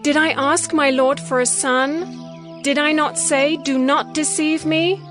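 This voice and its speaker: A man doing a grieving mother in a scripture reading, pitched high and drawn out slowly, her pleading earnest and unhurried. Soft music plays beneath her. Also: steady tone. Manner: slow, raised pleading voice.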